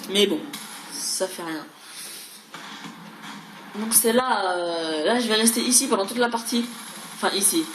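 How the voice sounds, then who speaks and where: Echoey, noisy gaming commentary from a woman. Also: mid-range voice. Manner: rambling, stammers and repeats words; mild crude swearing. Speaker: gaming video creator. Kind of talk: casual gameplay commentary. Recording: roomy echo, clearly noisy background.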